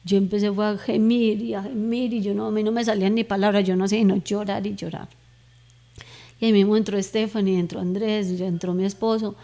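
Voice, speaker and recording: Warm-voiced woman giving an earnest testimony. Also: medium pitch, little pitch movement, fairly quick. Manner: earnest, emotional storytelling with fervent prayer retold aloud. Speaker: guest giving a faith testimony. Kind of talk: personal testimony in conversation.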